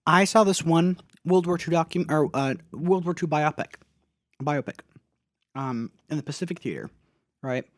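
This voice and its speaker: A man co-hosting a comedy podcast, chatting casually with a sarcastic, deadpan ironic delivery. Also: on the high side, normal speed, no echo, studio quality. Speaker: podcast co-host.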